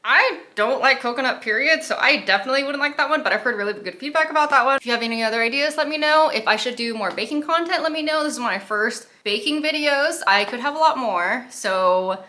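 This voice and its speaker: Bright-voiced chatty woman baking vlogger. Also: fairly high pitch, fairly quick, few pauses. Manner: chatty, self-deprecating, rambling asides. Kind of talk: casual chat to camera. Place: home kitchen.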